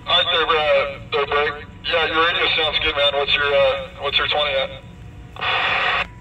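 A man's voice: on the high side, level tone, measured pace, lo-fi sound. Man heard over a noisy CB radio. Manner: easygoing, calls people man. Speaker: CB radio operator giving a radio check. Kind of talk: casual radio chat.

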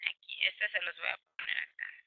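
A woman's voice: on the low side, wildly swooping pitch, brisk, vocal fry, narrow, tinny audio, noisy background. A woman with a Mexican Spanish accent teaching an English grammar class, explaining patiently with many examples and switching between Spanish and English.

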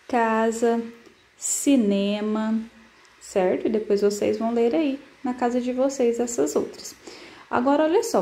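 A woman with a Brazilian Portuguese accent teaching first graders, sounding out syllables slowly and patiently. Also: a little high, mellow, echoey room. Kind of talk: recorded online lesson for children.

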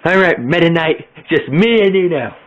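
A young man voicing a small, cheerful pink hero in a home-made plush video, whiny and excitable with sarcastic asides. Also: fairly high pitch, normal speed, lo-fi sound, close to an everyday voice. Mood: determined.

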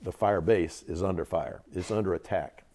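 An older man with a Southern accent acting out a brusque helicopter crewman giving a hurried warning. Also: sits low, warm tone. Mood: urgent.

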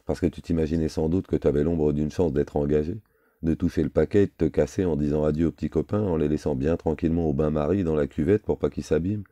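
A man's voice: extremely low pitch, fairly even intonation, fast talker, mellow, no room sound. A man voicing a spiteful male driver who taunts a younger rival with contempt. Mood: sneering. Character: spiteful, swaggering male driver, sneering and cruel.

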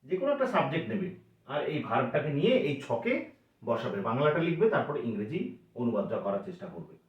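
A man's voice: medium pitch, big pitch swings, fast talker. Man teaching grammar in an echoey room. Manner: patient, asks and answers his own questions. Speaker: English teacher. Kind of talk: classroom grammar lesson. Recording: echoey room, voice from a distance, dull sound.

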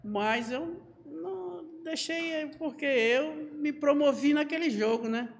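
A man's voice: very high-pitched, takes it slowly, gravelly, big-room sound, a little hiss or hum. A man, a podcast guest telling stories with energy and acting out other people's lines. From Northeast Brazil. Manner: lively storyteller who acts out other people's lines. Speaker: podcast guest, former footballer. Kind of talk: animated storytelling interview.

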